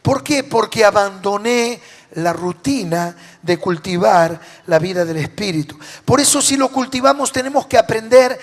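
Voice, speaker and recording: A man with a Rioplatense Spanish accent and a very high speaking voice delivers a sermon, questioning his congregation. He swings from loud declarations down to soft, low phrase endings. His voice carries a long reverb from a large church hall. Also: lively intonation, normal speed, soft background music. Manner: preaching with rhetorical questions to the congregation. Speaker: pastor.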